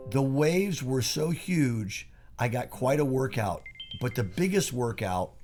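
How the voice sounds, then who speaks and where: Older male co-host, low register, easygoing rambling storyteller, casual at-home talk. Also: darkish tone. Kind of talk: casual chat. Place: in bed on vacation.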